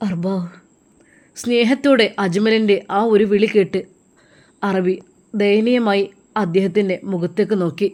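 A woman narrates a dramatic moral story with emotive, earnest storytelling. Her pitch sits in the middle of the usual range for women. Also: unhurried, pauses often, darkish tone.

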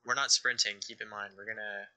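A man with a very bright, sharp voice leads his squad through a multiplayer game, calling out directions and bearings. He talks casually and corrects himself on the fly. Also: on the low side, little pitch movement, fairly quick. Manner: giving directions, self-correcting. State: hiccups. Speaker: squad leader. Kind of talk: casual game chat over voice comms.

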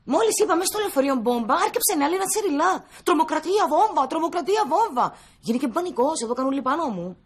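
An actress playing a chatty, stubborn Cypriot wife in a sitcom, speaking Cypriot Greek with animated, whiny complaints. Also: female voice, high-pitched, hardly any pauses. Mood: gossiping. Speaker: Christina, comic wife in a sitcom.

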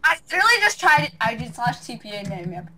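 A woman's voice: on the high side, very animated, racing. A woman chatting casually over a voice call while playing a game, giggly and rambling with lots of "like".

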